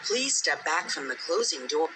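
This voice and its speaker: A formal, measured automated announcer giving public train announcements in the manner of an airport announcement. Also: mid-range voice, sing-song. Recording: noisy game audio capture, train noise.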